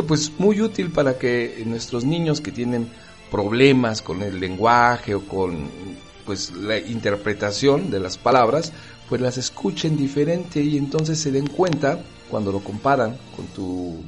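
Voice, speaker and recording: A man, hosting a casual talk aimed straight at the listener. He asks rhetorical questions and acts out little dialogues. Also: medium pitch.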